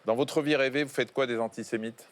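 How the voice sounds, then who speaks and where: A man hosting an interview, asking set questions in a measured, polite way. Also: medium pitch, fairly even intonation. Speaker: interviewer host.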